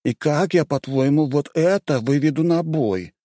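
A man's voice: a little high, normal speed, warm tone, dry recording, clean studio sound, pitched above the performer's own voice, natural voice. A man voicing a mincing, fussy male arena bookmaker with an affected, sing-song manner. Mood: exasperated.

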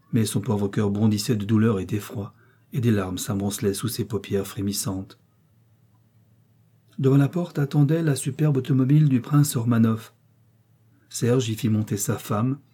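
A man reading a romantic novel aloud as an audiobook narrator, in a measured, expressive way. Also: fairly low pitch, breathy edge. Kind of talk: scripted narration.

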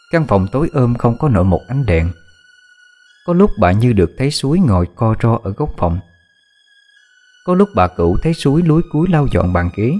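Deep-voiced man narrating a horror story. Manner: expressive, measured storytelling. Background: faint music.

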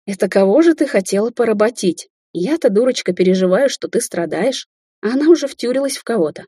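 A woman's voice: fairly high pitch, a little fast, slightly rough, no echo, studio quality, pitched above the performer's own voice. A woman voicing a mocking, vengeful young woman. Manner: mocking and lively. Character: teasing, vengeful young woman, a jealous friend. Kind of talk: audiobook character voice.

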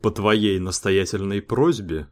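A man's voice: lowish voice, a little slow, close to an everyday voice. A man voicing a detached, caustic male cosmonaut in an audiobook, talking with cold indifference. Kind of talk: audiobook character voice.

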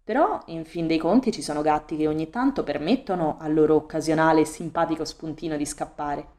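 A cool, unbothered cat who speaks with a silky, overly smooth drawl, toying with everyone around him. A woman reads him aloud in a fairly low voice, as part of a storybook audiobook. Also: a little fast, darkish tone, natural voice. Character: aloof, smug male cat, cruel to prey. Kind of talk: audiobook reading.

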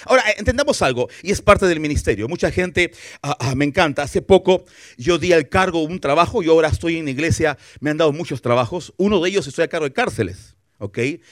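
A man preaches a sermon as a guest pastor, with a fairly high voice. He is animated, acts out what people say and keeps asking his listeners questions. The sound is dry and close, picked up by a broadcast mic. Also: fast talker, dry recording. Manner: animated, acts out quotes, asks rhetorical questions. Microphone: broadcast for television.

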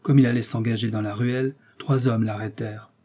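A man giving steady, measured audiobook narration of a classic novel. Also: mid-range voice.

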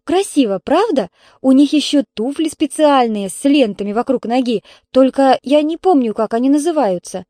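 A woman voicing a lively, know-it-all little girl who bosses her younger sister. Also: sits high, normal speed, no echo, pitched above the performer's own voice. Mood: eager. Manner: knowing, instructive.

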